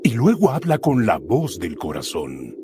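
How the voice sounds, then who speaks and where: A man's voice: on the low side, huge pitch swings, unhurried, background noise. A man narrating a cartoon episode like a storyteller, adding comic asides. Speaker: storyteller, streamer.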